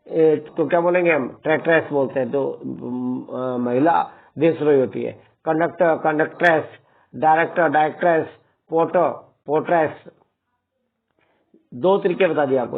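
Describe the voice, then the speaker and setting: A man teaching English grammar in a classroom lesson, speaking to students as children and often adding a checking tag to his words. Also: a little high. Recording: tinny, phone-like lo-fi sound.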